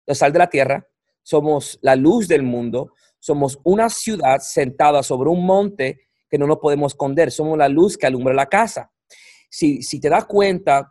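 Preacher, dry close sound. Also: male voice, on the high side, a little mellow, dry recording. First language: English. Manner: halting, searching for words, repeating for emphasis. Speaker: pastor, guest. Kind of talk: conversational preaching on scripture.

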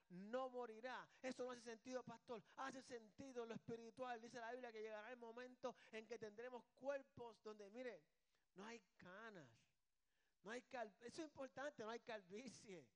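A male pastor with a strikingly high voice delivers a sermon. He talks to the congregation conversationally and drops in jokes. His delivery swings between quiet asides and loud, emphatic bursts. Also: fairly even intonation, normal speed.

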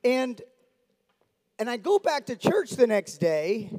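A man's voice: very high voice, sing-song, slow. A man from South Florida in his forties gives an earnest testimony to a church, with touches of humor. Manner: earnest, warm, with light humor. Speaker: church member giving testimony. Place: church hall. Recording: long reverb of a church hall.

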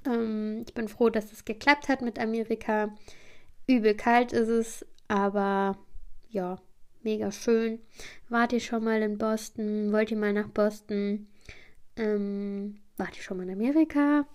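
A woman's voice: mid-range voice, fairly even intonation, a little slow, darkish tone, clean tone. A woman hosting a podcast, telling a story in a rambling, chatty way with many fillers. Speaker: podcast host.

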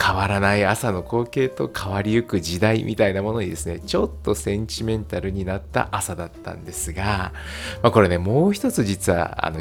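A man hosting a casual solo podcast, chatting with many fillers and laughs. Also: gravelly. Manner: chatty, frequent fillers and laughs, lively pitch. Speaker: podcast host and English teacher.

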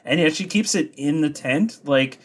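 Animated man co-hosting a film podcast. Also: a little high, normal speed, slight background noise. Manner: animated, mocking impressions of characters. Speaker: podcast co-host. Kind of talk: casual movie discussion.

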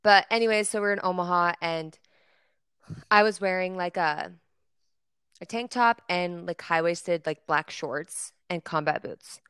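A young woman chats through a story on a podcast, piling up fillers as she goes. Her voice is smooth and clean, recorded close and dry. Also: lowish voice, measured pace, fairly bright tone, no room sound. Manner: chatty, filler-heavy storytelling. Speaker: podcast co-host. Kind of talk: casual chat.

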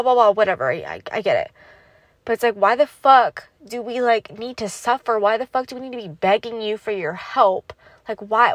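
A woman's voice: medium pitch, dry recording. A young woman hosting her own podcast, talking candidly and bluntly, with heavy swearing and lots of fillers, sounding raw and vulnerable. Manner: raw, vulnerable, holding back tears. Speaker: podcast host. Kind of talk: candid solo podcast monologue.

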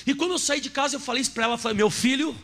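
A man's voice: very high voice, racing, vocal fry, a bit bright, pitched above the performer's own voice, full character voice. A man acting out a distraught young man who cries and pleads about his mother, in a raised voice.

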